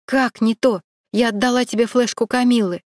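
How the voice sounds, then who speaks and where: Woman reading a sharp-tongued, scared young heroine, raised and biting, dry close sound. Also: on the high side, fairly even intonation, moderate pace, no echo, pitched above the performer's own voice, lightly acted. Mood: defiant. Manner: sharp, defiant outbursts.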